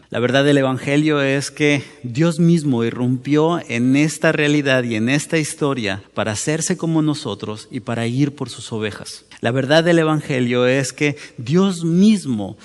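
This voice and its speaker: A pastor preaching a conversational sermon, acting out churchgoers' excuses in quick asides. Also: male voice, medium pitch, in a large hall.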